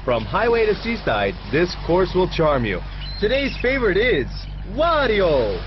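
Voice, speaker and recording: A man voices an upbeat race announcer for a kart game, calling each course with rising hype in an exaggerated voice. His pitch swings hugely, though his pace is unhurried, and the mood is hyped. The game audio is dull and noisy.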